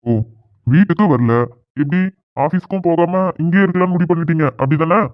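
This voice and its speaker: A man's voice: fairly high pitch, expressive, fairly quick, dry recording, natural voice. A man voicing a scolding middle-aged father who presses his son with questions in a cartoon, with a thin, phone-like sound. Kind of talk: cartoon voice acting. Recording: dry, phone-like narrow sound.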